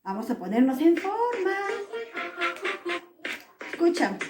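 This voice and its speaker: A woman teaching young children in a lively, playful way, acting out sneezes and yawns, with a Peruvian Spanish accent. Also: sits high, slow pace, roomy sound, background noise. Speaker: preschool teacher.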